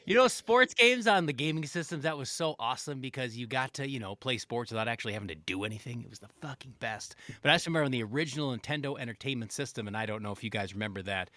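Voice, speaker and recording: Bright, animated, swearing man. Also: mid-range voice, fast talker, few pauses, no room sound. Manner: profane, punchy anecdotes. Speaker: podcast co-host. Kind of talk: casual chat.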